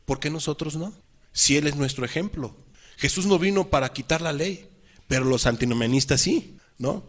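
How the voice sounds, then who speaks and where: A man's voice: a little high, moderate pace. A man preaching a sermon, asking the congregation rhetorical questions and reading scripture with emphasis. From Mexico.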